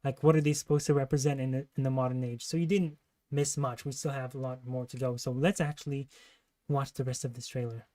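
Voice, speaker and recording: A man's voice: mid-range voice, flat delivery, fairly quick, mellow. A man hosting a livestream, giving casual, critical commentary as he reacts to a trailer. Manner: critical, disparaging.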